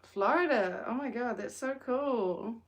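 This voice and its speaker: A young woman's voice, on the high side and measured in pace, carries a New Zealand accent as she chats on a crochet livestream. She sits outdoors in the sun and talks hesitantly and softly, with many "um"s.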